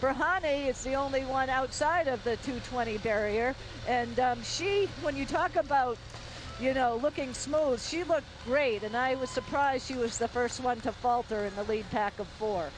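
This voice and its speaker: A woman's voice: high voice, normal speed. A woman giving conversational live commentary as a race analyst. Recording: broadcast with clear ambient noise.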